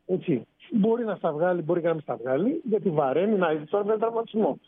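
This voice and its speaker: A man, a sports reporter phoning in to a radio show, explaining in an animated way. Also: high voice, husky. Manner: explanatory, animated, rising emphasis. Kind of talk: sports radio phone-in analysis. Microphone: phone. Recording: tinny phone line on radio.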